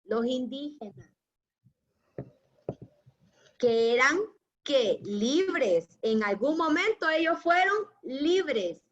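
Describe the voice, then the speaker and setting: Woman teacher, high bright voice, patient, muffled call audio. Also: lively intonation, very slow, long pauses. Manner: patient, affectionate, asks the class questions. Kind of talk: online class lecture.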